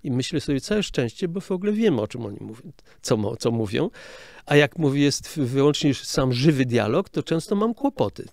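Gravelly older man explaining film sound. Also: medium pitch, very animated, a little fast, a little mellow, no echo, clean studio sound. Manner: explanatory, hesitant, with frequent restarts. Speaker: interview guest, film sound director. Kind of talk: casual interview talk.

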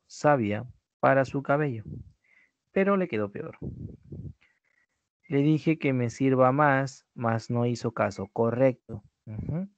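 A man's voice: mid-range voice, creaky, darkish tone, no echo. A man with a Peruvian Spanish accent, a language teacher giving an online prep-school class, explaining with worked examples and checking in with his students. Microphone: computer mic on a video class. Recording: dull, lo-fi online class audio.

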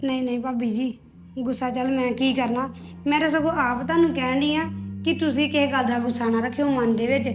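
A woman playing an earnest young wife, high voice. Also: a little fast, music in the background, lightly acted. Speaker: sister-in-law Preeti. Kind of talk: Punjabi family drama acting.

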